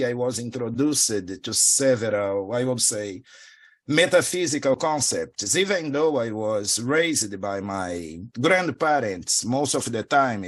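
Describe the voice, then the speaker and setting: A middle-aged man from Brazil with a Brazilian Portuguese accent, a spiritual teacher talking in an interview and meandering reflectively with soft laughs. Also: medium pitch.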